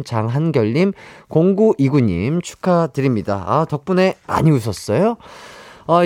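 A man's voice: mid-range voice, a little mellow, no room sound, clean studio sound. A man hosting a radio show, playfully reading out listener entries and acting some of them out. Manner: playful, reads out jokes and mimics them.

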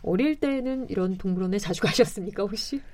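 A woman's voice: mid-range voice, fast talker, darkish tone. A woman hosting a radio show, asking questions and linking segments in a conversational style. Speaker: radio host.

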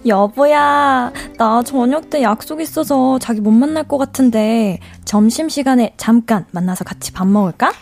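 Fickle young girlfriend read by a woman, airy, offhand, higher voice. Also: normal speed, creaky, few pauses, a little mellow, soft background music. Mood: sweet.

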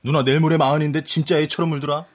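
A man's voice: a little high, flat delivery, very fast, close to an everyday voice. An actor playing a young man who mocks his older sister. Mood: mocking. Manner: wry, mocking. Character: teasing younger brother, man.

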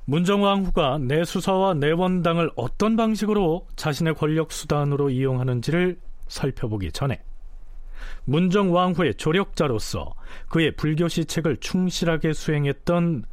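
A man explaining history in a measured lecture style, often posing questions to his listeners. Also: on the high side, animated, a little mellow, no echo.

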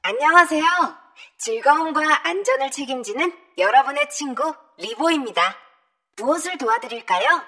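A woman's voice: high-pitched, moderate pace. A woman voicing Libo, a friendly and polite library service robot, in an audiobook. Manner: polite, even service-announcement delivery.

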